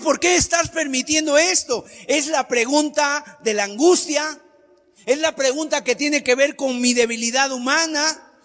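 A man's voice: extremely high pitch, fairly bright tone, long reverb tail. A man preaching a sermon, emphatic, asking many rhetorical questions and acting out the voices he quotes.

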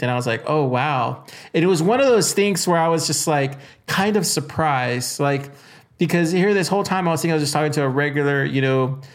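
Give me a young man with a gravelly edge, hosting a casual podcast and rambling on. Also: fairly high pitch. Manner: rambling storyteller with many fillers and restarts. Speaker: podcast host. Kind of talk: casual solo podcast talk.

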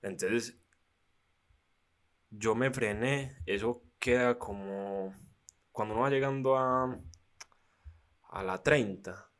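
A young man, telling street stories in casual chat, slangy and animated. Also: fairly low pitch, slow pace, long pauses. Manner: slangy, animated, acts out voices in anecdotes.

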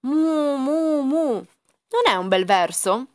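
Placid, practical storybook cow, voiced by a woman; slightly raised pitch, dry. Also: animated, takes it slowly, a little mellow, no echo. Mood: matter-of-fact. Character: placid, matter-of-fact female cow.

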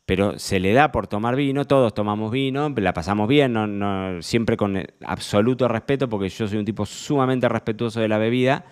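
A man with an Argentine accent, a sommelier hosting a podcast, talking loudly and casually, joking and restarting his sentences. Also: on the low side, brisk, hardly any pauses, clear, resonant tone. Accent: Argentine Spanish. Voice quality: talks fairly loud. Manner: chatty, joking, lots of fillers and restarts.

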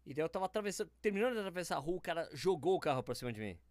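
A man from São Paulo, Brazil, with a São Paulo accent, telling stories in a casual, animated chat and acting out the people in them. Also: on the high side, racing, no room sound, clean studio sound. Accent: São Paulo Portuguese.

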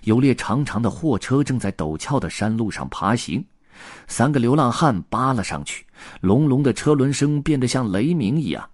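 Expressive man reading a children's story. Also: medium pitch, normal speed, dry recording, studio quality. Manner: expressive, voices the characters.

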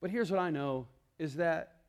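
A male pastor preaching a sermon, calling out to the congregation and swinging between loud declarations and hushed, low passages. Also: moderate pace, smooth. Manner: calls out to the congregation.

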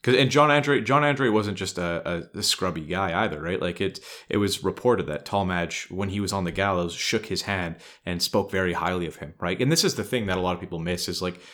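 A man with a deep, low voice co-hosts a casual history podcast. He tells the story loosely and animatedly, tossing in "right?" and playing out little quotes as he goes. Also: fairly quick, few pauses, fairly bright tone. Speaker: podcast co-host.

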